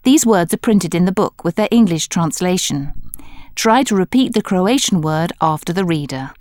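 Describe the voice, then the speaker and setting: Woman, slightly low voice, language course narrator, scripted instruction, measured explanations, dry studio-like sound. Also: lively intonation, darkish tone, dry recording. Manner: clear, measured explanatory delivery.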